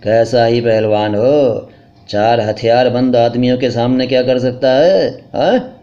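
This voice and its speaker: A man voicing rough, threatening village robbers who mock and bully, in a dull lo-fi recording. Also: mid-range voice, fairly even intonation, measured pace, dark tone, lightly acted. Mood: menacing. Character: menacing coarse male robbers.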